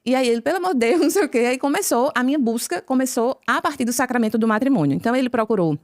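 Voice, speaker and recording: A woman with a Brazilian Portuguese accent, a podcast guest telling her conversion story as a lively storyteller who acts out each exchange of dialogue. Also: fairly high pitch, racing, no echo, studio quality. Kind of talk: conversion testimony told as a story.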